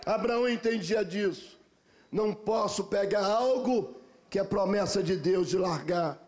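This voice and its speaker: A man's voice: high-pitched, unhurried, a little mellow. A middle-aged Brazilian man preaching a sermon as a pastor, driving his points home with repeated phrases and personal stories.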